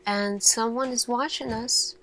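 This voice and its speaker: In a soft-spoken ASMR roleplay, a woman plays an earnest, thoughtful lead scientist addressing her team, speaking deliberately with long pauses. Her voice sits a little high and steady, the mood pensive and grave, with a faint hiss or hum underneath.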